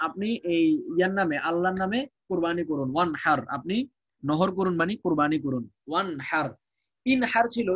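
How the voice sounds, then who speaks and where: High-voiced Bengali man teaching slowly. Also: fairly bright tone, no room sound, highs cut off. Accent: Bangladeshi Bengali. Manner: explains slowly, repeating and translating word by word. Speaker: Quranic Arabic teacher. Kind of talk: live online class explaining grammar.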